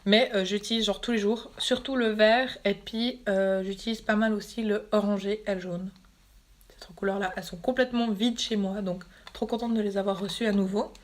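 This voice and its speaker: A woman's voice: mid-range voice, steady tone, moderate pace. A woman with a Swiss French accent chatting casually while unboxing makeup on a phone livestream, amused and laughing often. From Switzerland. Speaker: beauty vlogger.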